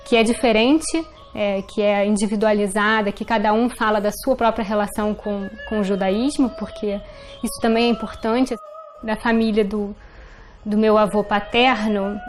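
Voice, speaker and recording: A woman with a Brazilian accent, born in Portugal to Brazilian parents, recounts her family history in a documentary interview. Her voice is fairly high, with a little background noise.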